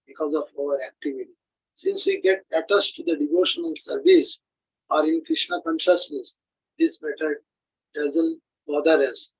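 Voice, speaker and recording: Husky, slightly high male attendee; earnest, halting devotional remarks. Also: poor audio. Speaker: class attendee commenting. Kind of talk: devotional comment.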